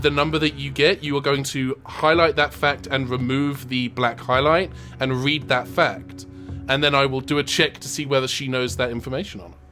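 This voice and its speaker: A man running a tabletop role-playing game as game master, narrating and explaining rules. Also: medium pitch. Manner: lively, laughs often.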